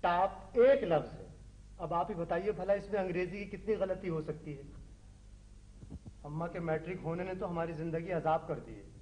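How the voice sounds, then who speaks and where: An actor playing a vain young poet who talks in an ornate, self-important way. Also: male voice, fairly high pitch, moderate pace, darkish tone, roomy sound, slight background noise, natural voice, poor audio. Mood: grandiose. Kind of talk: TV drama acting.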